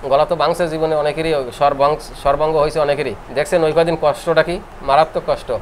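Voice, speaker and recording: A middle-aged man from Bangladesh giving a classroom lecture, explaining points over and over and reciting verses slowly in a sing-song way. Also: fairly high pitch, little pitch movement, a little hiss or hum. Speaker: homeopathy lecturer.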